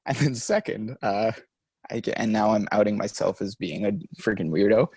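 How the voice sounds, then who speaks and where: A man in his twenties co-hosting a podcast, chatting casually with quick self-mocking asides. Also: lowish voice, darkish tone, slightly rough, no echo. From Canada. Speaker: podcast co-host. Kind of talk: casual chat.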